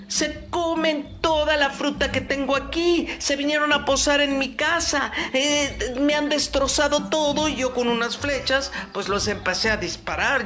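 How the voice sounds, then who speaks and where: A woman's voice: sits high, sharp tone, voice pushed up. A woman voicing a flustered, defensive fox in a children's folk tale, protesting and passing on blame. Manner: stammering protests.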